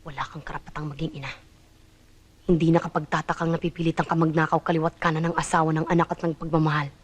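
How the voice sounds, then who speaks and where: A woman's voice: deep voice, level tone, quick pace. An actress playing an anguished mother fighting to keep her son, with intense, emotional delivery in a film drama. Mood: scornful.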